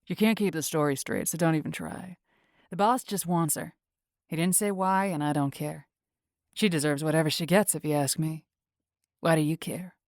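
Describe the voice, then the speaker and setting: A woman's voice: low voice, normal speed, no room sound, studio quality. A woman voicing a sneering, blunt male henchman in an audiobook. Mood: scornful. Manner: sneering, dismissive.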